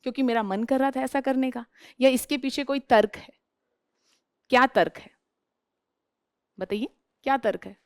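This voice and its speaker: A woman's voice: sits high, normal speed, long pauses, smooth, no room sound, studio quality. A woman teacher giving a classroom lecture who keeps asking her class questions and then answering them herself.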